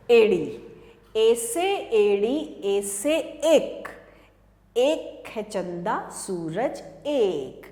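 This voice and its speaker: Slow sing-song woman teaching children. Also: fairly high pitch, darkish tone. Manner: slow, drawn-out sing-song recitation, asking children questions. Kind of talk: children's alphabet lesson with rhymes. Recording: roomy echoey recording with long reverb.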